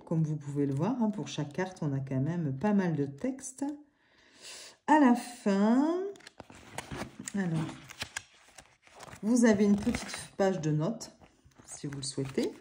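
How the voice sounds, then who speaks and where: A woman's voice: mid-range voice, big pitch swings, slow, pauses often, dark tone, a little hiss or hum. A woman casually reviewing an oracle deck at home, chatty, with many fillers and little apologies. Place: living room at home. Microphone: camera on a tripod.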